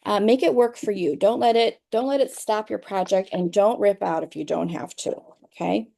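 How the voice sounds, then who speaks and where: A middle-aged woman walks through a crochet pattern, chatty and patient. She keeps checking in with "okay?" and repeats herself to be clear. Her voice is mellow and warm, at a middle pitch for a woman. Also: moderate pace. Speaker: crochet instructor. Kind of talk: casual tutorial explanation.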